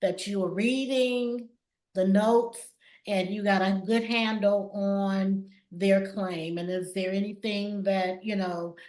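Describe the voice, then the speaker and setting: Lively woman host in an echoey room. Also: medium pitch. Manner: lively, agreeing, bursts of quick speech. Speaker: interview host, claims adjuster. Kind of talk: interview conversation.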